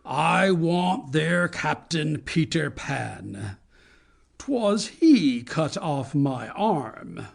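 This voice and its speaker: A vain, brooding pirate captain, as a woman reads him aloud, slow and theatrical in a storybook. His gravelly voice sits a little high and swoops widely between threats and whimpers. He draws every word out. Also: big pitch swings, exaggerated voice. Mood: menacing. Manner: slow, theatrical, swinging from menace to whining.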